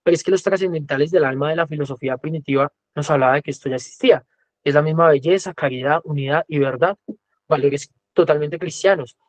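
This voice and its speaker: Higher-voiced Colombian man lecturing. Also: quick pace, dry recording. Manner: conversational lecturing, often acting out quoted voices. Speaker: music teacher, guest speaker. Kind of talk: educational talk.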